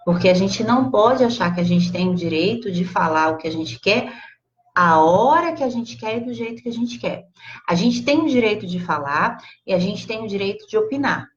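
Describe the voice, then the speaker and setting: A Brazilian woman with a Brazilian Portuguese accent giving a casual, expressive live class, chatting directly to her audience. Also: medium pitch, moderate pace. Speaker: psychologist teaching a live class. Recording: slightly dull lo-fi livestream audio.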